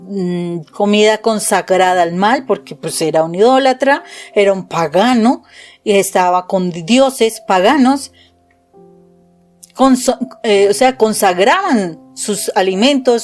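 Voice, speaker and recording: A woman's voice: on the high side, darkish tone. A woman from Colombia preaching a sermon, acting out people's complaints and asking rhetorical questions.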